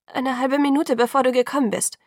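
Anxious hesitant young girl, woman reading her, a bit breathy, dry sound. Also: high-pitched, fairly even intonation, fairly quick, dry recording, voice pushed up. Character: anxious young woman, first-person heroine.

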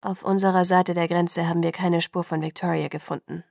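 A woman voicing a calm, protective young man in an audiobook, speaking quietly and with control. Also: lowish voice, a little fast, vocal fry, no room sound, clean studio sound.

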